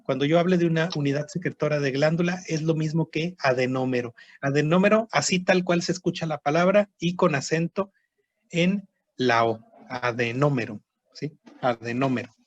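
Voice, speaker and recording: A man gives an online histology lecture, with a slightly high voice. He explains patiently, repeats key terms and keeps checking that students follow. The audio is dry and a little dull, like a computer mic on a video call. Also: fairly quick, hardly any pauses, no echo. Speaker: histology teacher.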